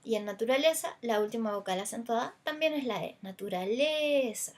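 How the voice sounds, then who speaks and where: A Chilean teacher talks fast and expressively in a somewhat high voice during a recorded language lesson. She goes through examples patiently, stretching out stressed vowels to illustrate them, with small hesitant fillers along the way.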